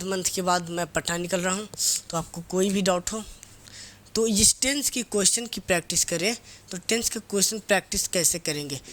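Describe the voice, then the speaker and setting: A male teacher gives a casual grammar lesson in a high, slightly bright voice. He repeats key words, asks questions and answers them himself, and scolds his students in a teasing way.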